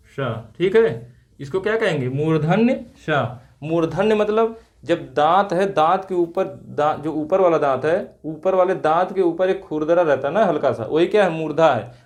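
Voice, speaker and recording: A man teaching Hindi grammar for exam prep, asking questions and answering them himself in slow, drawn-out repetitions. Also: a little high.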